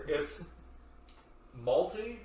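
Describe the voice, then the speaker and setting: A man's voice: a little high, very animated, very slow, a little mellow, slight background noise. A man hosting a casual beer review podcast, laid-back and rambling, swearing now and then. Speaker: podcast host. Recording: roomy echo, mic at a distance, faint ambience.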